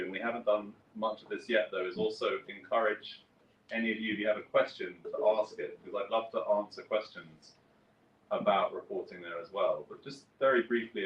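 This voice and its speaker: A man's voice: on the low side, a little fast, muffled recording. A man in his forties, a journalist, giving a wry, conversational conference talk and telling his story. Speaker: guest speaker, journalist. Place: conference hall. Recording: echoey hall, distant mic, faint ambience.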